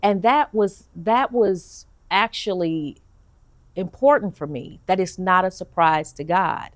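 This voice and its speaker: A middle-aged woman giving an earnest personal testimony, halting often with fillers as she tells her story. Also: on the low side. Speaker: testimony speaker.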